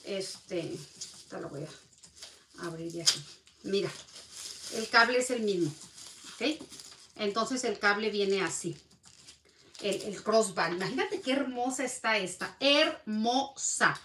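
A woman's voice: medium pitch, lively intonation, unhurried, long pauses, bright, forceful tone, slight background noise. A woman with a Mexican accent, chatting casually to viewers while selling handbags and often talking in circles. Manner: chatty, rambling, addresses viewers directly. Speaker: online bag seller. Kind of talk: casual sales live stream. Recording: echoey room, mic at a distance.

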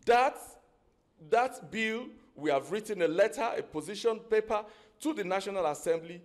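A man's voice: high-pitched, animated, normal speed. A middle-aged man with a Nigerian accent making an earnest, pleading formal statement into a handheld microphone. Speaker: group president. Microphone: handheld mic held close.

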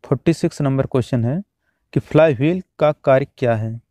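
Man drilling exam answers, mellow voice. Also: medium pitch, brisk, no room sound. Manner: steady, repetitive exam-drill delivery. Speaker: teacher. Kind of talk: reading out and answering quiz questions.

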